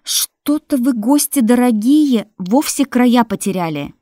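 A woman's voice: a little high, animated, unhurried, mellow, dry recording, clean studio sound, pitched above the performer's own voice. A woman voicing a frightened middle-aged merchant widow who shrieks and wails. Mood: shrill. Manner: shrieking, wailing.

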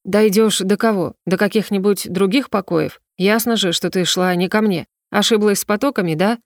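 A woman's voice: mid-range voice, steady tone, normal speed, no room sound, studio quality, lightly acted. A woman doing a stern young prince.

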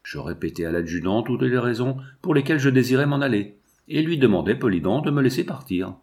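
A man reading a novel aloud as an audiobook, in steady, measured narration. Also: medium pitch. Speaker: audiobook reader. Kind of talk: literary narration.

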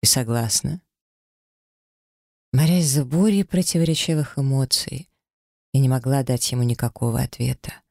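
A man's voice: medium pitch, steady tone, fairly quick, creaky, mellow, no echo, clean studio sound. A man reading a first-person story as an audiobook narrator, dramatic and emotional.

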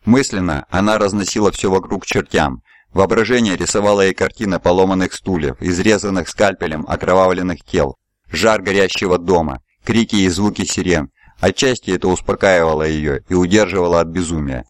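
A man narrating an audiobook in an even, measured reading voice. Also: low-pitched, no room sound. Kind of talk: scripted narration.

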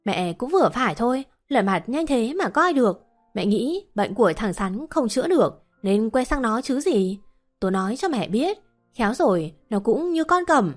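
A woman's voice: on the high side, very animated, normal speed, faint music behind. A woman voicing a bitter young woman who speaks sharply and reproachfully to her mother-in-law.

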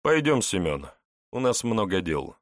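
A man voicing a polite, calm young male security officer in an audiobook. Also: lowish voice, a little slow, dry recording, clean studio sound. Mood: courteous. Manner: courteous, calm, genial.

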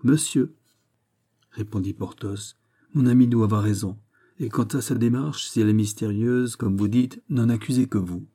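Brief: man playing a self-assured musketeer baron, solemn and stubborn, raised voice with a dark tone, audiobook reading. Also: lowish voice, moderate pace. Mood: grave.

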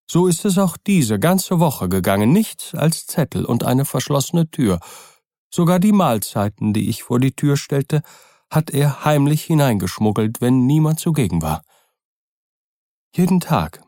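A man's voice: medium pitch, warm tone, no room sound, clean studio sound, pitched above the performer's own voice. A man voicing an old male butler, frightened and agitated, pleading with rising urgency.

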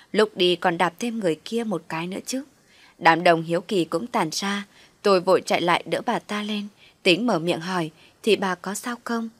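A woman narrating a first-person story in a steady, reflective way. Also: on the low side, dry recording.

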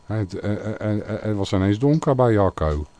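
Low-voiced chatty radio host, a man. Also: animated, moderate pace, dark tone. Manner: chatty, talks gear at length with fillers. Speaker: radio call-in show host. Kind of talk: casual on-air chat.

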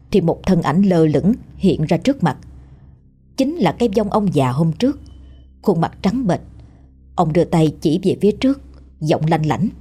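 A woman's voice: lowish voice, mellow, slightly rough. Somber Southern Vietnamese woman storyteller. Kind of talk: scripted horror story narration.

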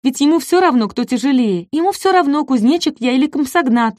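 A woman voicing a tiny, eager boy compsognathus who talks in excited, squeaky exclamations. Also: brisk, dry recording, studio quality.

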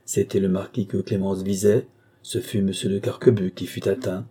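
A man narrating a novel in a steady, even storytelling manner. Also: low voice, moderate pace, breathy edge. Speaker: audiobook narrator. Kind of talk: scripted narration.

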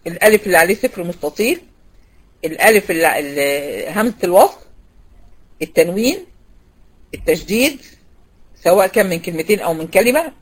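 A fairly low-pitched, slightly rough voice belongs to a woman with an Egyptian Arabic accent. She's lecturing an online recitation class, quizzing students by name and going over the key points again.

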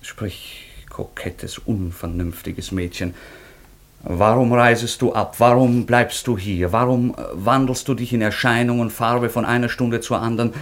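An actor playing an impulsive young nobleman in a radio drama, speaking low, earnest and quietly intense. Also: steady tone, measured pace, lightly acted. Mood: tender. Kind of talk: studio radio drama acting.

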